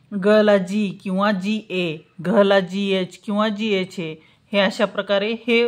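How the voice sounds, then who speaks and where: Woman tutor, patient, slow, asks and answers her own questions, mid-pitched voice. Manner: spells out letters syllable by syllable. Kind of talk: teaching lesson.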